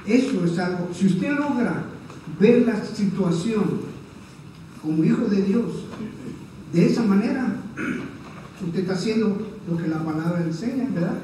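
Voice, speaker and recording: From a distance in an echoey church hall, with slight background noise, a male pastor preaches a sermon in a high, dark-toned voice. He speaks at a measured pace with frequent pauses, earnest and conversational, often checking in with the congregation by repeating "¿verdad?"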